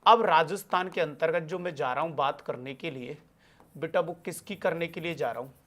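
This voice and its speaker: A man's voice: fairly high pitch, moderate pace, fairly bright tone. Call-and-response male teacher. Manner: call-and-response, answers own questions; calls viewers brothers and son, reads comments. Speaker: online exam-prep teacher. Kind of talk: live online class teaching.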